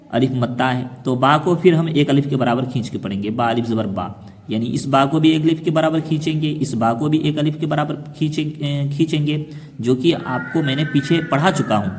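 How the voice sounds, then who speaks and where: A man teaching Quran reading to children, who asks a question and then answers it himself and draws out each syllable slowly. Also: fairly high pitch, big-room sound. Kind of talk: explaining a lesson to children.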